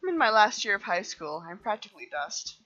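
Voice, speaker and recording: A woman's voice: mid-range voice, big pitch swings, fairly quick, pushed and bright, dull audio, faint music behind. A woman voicing a sarcastic teenage girl who teases her dad with dry comebacks. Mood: teasing.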